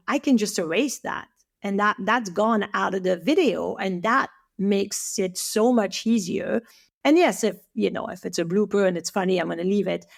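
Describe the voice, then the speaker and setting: Gravelly and medium-pitched, this woman's voice carries a French accent from her native language. She's a Chinese medicine teacher being interviewed as a podcast guest, and her speech is eager and full of restarts.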